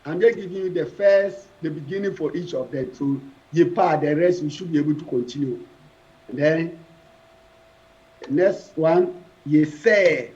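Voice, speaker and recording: A man teaching French verbs to a classroom, slow and deliberate, repeating each form and firing questions at the class. His voice sits a bit high, and the recording sounds muffled and lo-fi. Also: darkish tone.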